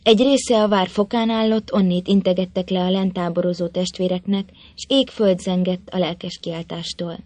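A woman narrating an old tale with an expressive, measured reading. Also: fairly low pitch, dry recording. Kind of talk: storybook narration.

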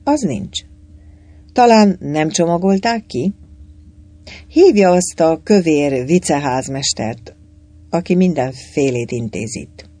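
A narrator voicing a melancholy army staff doctor in an audiobook. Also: male voice, on the high side, animated, long pauses, dark tone, no room sound. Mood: resigned. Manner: gloomy, resigned.

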